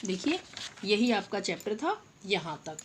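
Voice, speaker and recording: A young adult woman teaching a Hindi grammar lesson to young children, patiently repeating example words slowly and addressing her pupils fondly. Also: medium pitch, very animated, a little hiss or hum. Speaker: primary school teacher.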